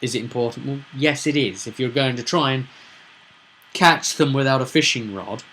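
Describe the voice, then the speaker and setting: A game master looks back on a tabletop roleplay session in a laid-back explanatory vlog, wandering through his points with emphasis and rhetorical questions. He talks at a moderate pace in a fairly bright, mid-range voice, with a slight hiss or hum in the background.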